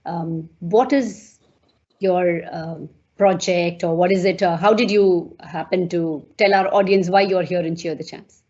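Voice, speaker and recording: A woman's voice: lowish voice, steady tone, unhurried, muffled recording. A woman hosting an interview over a video call, effusive and full of fillers. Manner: warm, effusive, frequent fillers. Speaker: host.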